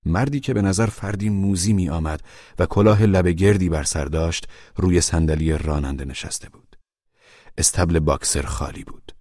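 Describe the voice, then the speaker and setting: A man narrating a storybook in a measured, grave, dramatic way. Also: sits low, a little mellow, dry recording, studio quality. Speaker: audiobook narrator.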